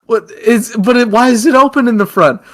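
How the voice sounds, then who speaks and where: A man's voice: very high-pitched, fairly quick. A man co-hosting a podcast in casual chat, teasing and goofy, sometimes slipping into silly voices. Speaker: podcast co-host.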